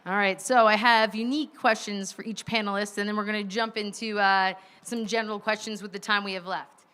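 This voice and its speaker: A woman's voice: medium pitch, steady tone, brisk, bright, forceful tone, a little hiss or hum. A woman moderating a live stage panel, introducing guests and asking questions in an upbeat, emcee-like way. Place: stage at a live outdoor event.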